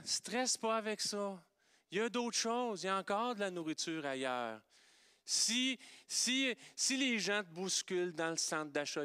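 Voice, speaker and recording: A man with a Québécois accent preaching a playful, animated sermon, swinging between loud exclamations and hushed, gentle passages. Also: high voice, clear, resonant tone, dry recording, clean studio sound. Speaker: pastor.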